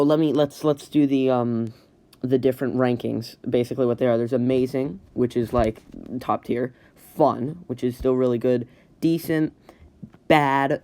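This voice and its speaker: A man hosts a casual ranking video on a rough, amateur phone microphone. He talks in a rambling, halting way and often backs up to rephrase. His pitch sits in an ordinary middle range for a man. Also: a little mellow. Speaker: host. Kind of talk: casual tier list commentary. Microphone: phone's built-in microphone.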